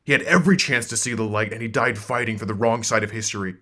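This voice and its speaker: Man playing a cold sneery warlord, bit lower, sharp tone. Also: quick pace. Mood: contemptuous. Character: male warlord, cold and contemptuous.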